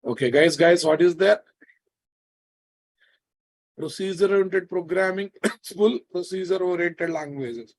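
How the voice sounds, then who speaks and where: The recording is low quality, capturing a programming teacher with a Telugu Indian accent whose voice sits high. He speaks at a measured pace with long pauses, repeating phrases and scolding his students in a familiar tone as he quizzes them.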